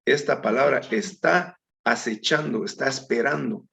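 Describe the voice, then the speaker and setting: A man's voice: medium pitch, animated, a little slow, gravelly, fairly bright tone. A man teaching a Bible study in a conversational way, calling his listeners brethren and reading scripture aloud. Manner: reads scripture aloud with small slips. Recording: dull lo-fi recording.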